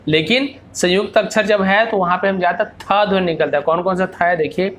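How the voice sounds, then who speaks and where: A man's voice: high voice, fairly bright tone. Patient male teacher quizzing himself aloud. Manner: asks rhetorical questions, then answers them; repeats example words slowly. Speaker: English teacher. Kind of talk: explaining English phonics lesson.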